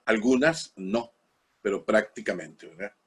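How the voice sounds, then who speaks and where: A man's voice: fairly low pitch, animated, measured pace, husky. A man with a Costa Rican accent giving an informal parish-school lecture, explaining patiently with frequent fillers and spelling out words letter by letter. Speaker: parish formation teacher.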